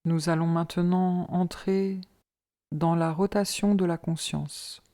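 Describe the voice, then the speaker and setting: Calm and soothing, a female instructor paces a guided yoga relaxation in measured tones, her pitch fairly low.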